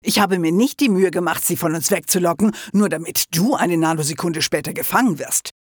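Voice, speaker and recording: A man's voice: high voice, a little fast, breathy edge, no room sound, clean studio sound. A man voicing an ancient, smug male wizard hologram who talks down to people in a lecturing way, in an audiobook. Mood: mocking. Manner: condescending, lecturing.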